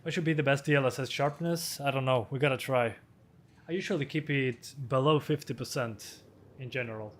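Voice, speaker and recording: A man in his twenties, slightly hoarse, casually answering viewer questions on a live stream as a hardware tester with quick chuckles. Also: medium pitch. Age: 20s.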